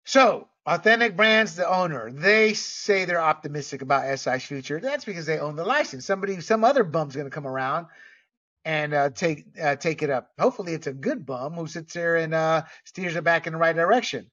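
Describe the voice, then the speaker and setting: A man's voice: fairly high pitch, expressive, fairly quick, bright, forceful tone. A man from Panama hosting a casual monologue, blunt and ranting, with frequent filler words and the odd swear. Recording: dull lo-fi audio, distant from mic.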